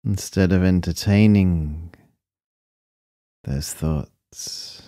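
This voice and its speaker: A man guides a breathing meditation in a low, mellow voice. He speaks slowly and soothingly, leaving long pauses between short, calm phrases. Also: no room sound, clean studio sound.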